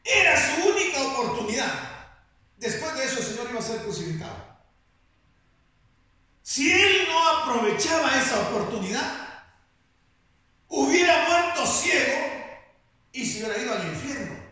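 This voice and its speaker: A preacher delivers a slow, emphatic sermon, his high voice swinging widely and building into shouts. He sounds bright and ringing. The recording comes from a very echoey church hall, with the voice picked up from some distance. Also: very animated.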